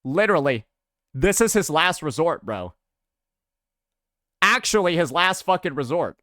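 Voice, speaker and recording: A man livestreaming and chatting casually with his viewers, slangy and animated, swearing often and saying "bro" a lot. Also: on the high side, unhurried, no echo, studio quality. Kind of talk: casual stream commentary.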